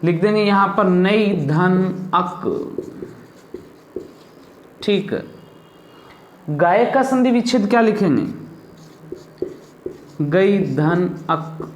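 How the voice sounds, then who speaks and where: Slow, echoey Indian male teacher. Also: sits high. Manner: asks pupils questions and answers them himself. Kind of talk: classroom lesson on Hindi grammar.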